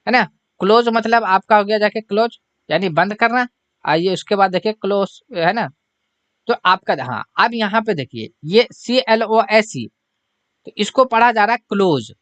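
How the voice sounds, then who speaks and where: A man's voice: sits high, fairly bright tone, no room sound. A man with a Bihari Hindi accent teaching an exam-prep language lesson, patiently explaining word pairs and checking in with "है ना?" as he goes. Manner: repeats "है ना?" often, patient explaining.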